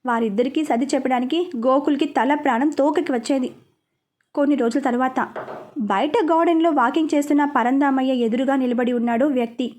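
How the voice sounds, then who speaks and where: A woman tells a serialized love story in a steady, expressive voice. Her voice sits high, and the narration sounds scripted. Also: fairly quick.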